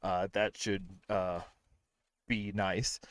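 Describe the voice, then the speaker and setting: A man's voice: sits low, little pitch movement, drawn-out words, smooth, no echo, studio quality. A tired man hosting a casual game stream from home, rambling with lots of fillers and sounding a bit out of breath. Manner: rambling, self-deprecating, many fillers. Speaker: streamer host. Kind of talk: casual livestream chat.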